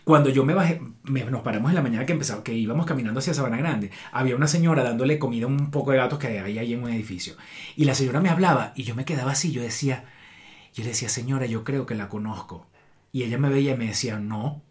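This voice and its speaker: A man's voice: medium pitch, very fast, a little mellow. A Venezuelan man co-hosting a podcast, telling travel stories in casual, slangy chat. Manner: slangy, storytelling, colloquial swearing. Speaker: podcast co-host.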